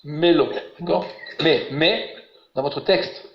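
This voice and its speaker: A man teaching biblical Hebrew grammar online, patient and encouraging as he quizzes his students. His voice sits a little high. It sounds roomy and muffled, like webinar audio. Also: takes it slowly. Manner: patient, encouraging, asks questions. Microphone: webinar call audio.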